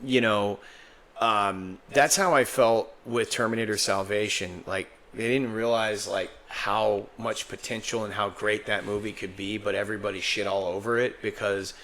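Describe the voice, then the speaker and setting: A man's voice: on the low side, fairly even intonation, moderate pace, fairly bright tone. A man co-hosting a podcast, rambling loosely and animatedly in casual chat and swearing freely. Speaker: podcast co-host.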